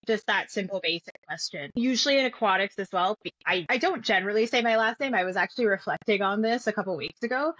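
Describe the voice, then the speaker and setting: A woman's voice: medium pitch, fast, hardly any pauses, a bit bright, no room sound. A woman being interviewed, speaking thoughtfully and often restarting her sentences, heard over what sounds like a video call. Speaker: guest. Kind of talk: conversational interview. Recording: dull lo-fi audio.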